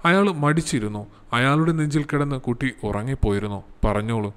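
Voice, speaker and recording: A man reading a story aloud as its narrator in a steady, measured way. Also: mid-range voice, smooth, big-room sound.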